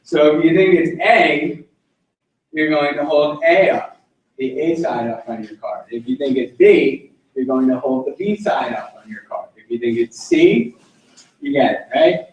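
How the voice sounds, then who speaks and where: A man leading a classroom workshop, chatty and halting, with frequent restarts. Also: on the high side, expressive. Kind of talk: classroom presentation. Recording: echoey room, from far off.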